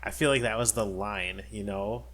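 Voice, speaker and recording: A man's voice: on the low side, steady tone, moderate pace, background noise. A man co-hosting a podcast in casual chat, rambling with many fillers and restarts. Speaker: podcast co-host.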